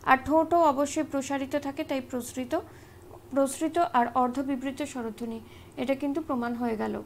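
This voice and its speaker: A woman's voice: high-pitched, fairly even intonation, brisk, slight background noise. A woman teaching an exam-prep grammar lesson, explaining step by step and often checking in with short tag questions.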